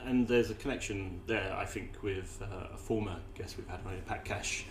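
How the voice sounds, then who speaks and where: The man hosting this podcast has a deep voice with fairly even intonation and a moderate pace. Chatting casually and profanely, he frequently abandons sentences and starts over. The recording comes from an echoey room with faint ambient noise, where several poets are nearby.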